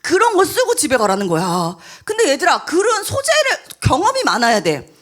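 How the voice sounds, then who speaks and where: High, animated woman storyteller. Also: moderate pace, faint music behind. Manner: lively storyteller who acts out dialogue. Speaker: guest speaker and author. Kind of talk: storytelling talk to teenagers. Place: church hall at a youth retreat.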